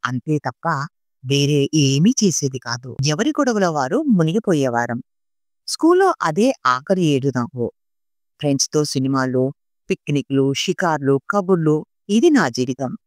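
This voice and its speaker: A woman narrating an audiobook story reading in an expressive storytelling manner. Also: low-pitched, unhurried, dry recording, studio quality.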